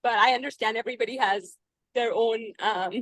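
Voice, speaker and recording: A woman's voice: fairly high pitch, fairly quick, fairly bright tone, no echo. A woman, a parent, asking hesitant questions on a group call while driving her car, with many filler sounds and apologies. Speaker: parent of a gifted child. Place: inside a moving car.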